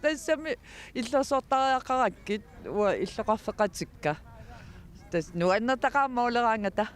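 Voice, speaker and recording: A man's voice: extremely high pitch, lively intonation, normal speed. A man giving a casual interview in a jokey, playful way. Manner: jokey, laughing a lot.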